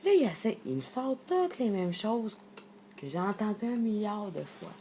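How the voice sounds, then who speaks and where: In a casual vlog monologue to camera, a woman with a Québécois French accent shares her thoughts, rambling emphatically and swearing freely. Her medium-pitched, mellow voice is very animated at a moderate pace, with slight hiss or hum in the background.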